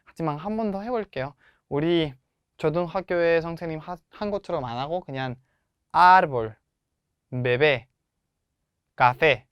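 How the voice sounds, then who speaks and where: A young man teaches pronunciation patiently and encouragingly, leaning hard on stressed syllables as he models each word. His voice sits a little high and sounds smooth and resonant. The recording is dry and close. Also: a little fast, dry recording, lo-fi sound. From Spanish-speaking country. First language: Spanish. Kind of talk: friendly language lesson.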